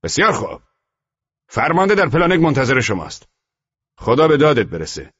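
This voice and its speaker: A man's voice: medium pitch, very animated, fairly bright tone, slightly rough. An actor playing a stern, scornful male army sergeant who barks orders and scolds, in an audiobook drama, on a dull lo-fi recording. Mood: scolding.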